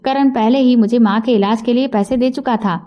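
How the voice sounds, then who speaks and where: Mellow higher-voiced woman storyteller. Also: normal speed. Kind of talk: scripted first-person story narration.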